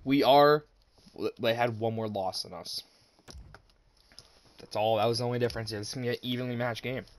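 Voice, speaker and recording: A young man casually commenting on his own hockey video game, excitable, swearing and talking to viewers as "boys". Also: medium pitch, a little fast. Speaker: gaming YouTuber.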